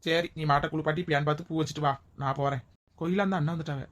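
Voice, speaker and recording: A woman playing a sharp-tongued village woman. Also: low voice, steady tone, very fast, lightly acted. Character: outspoken village woman, bold and joking. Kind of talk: village comedy skit acting.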